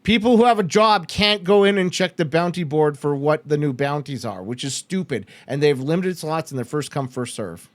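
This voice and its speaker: A man's voice: a little high, moderate pace, few pauses, no echo. Chatty Canadian man, dry close sound. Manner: chatty, rambling with fillers and restarts; mocks others with put-on excited voices. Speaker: podcast host. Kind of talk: casual chat.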